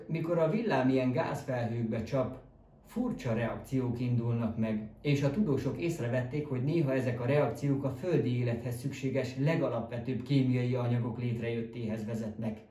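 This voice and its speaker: A man's voice: mid-range voice, warm tone, natural voice. A man doing a gleeful eccentric scientist. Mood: eager, lecturing. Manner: theatrical, relishing his own lectures. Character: gleeful eccentric male scientist teaching boys. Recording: roomy, distant mic.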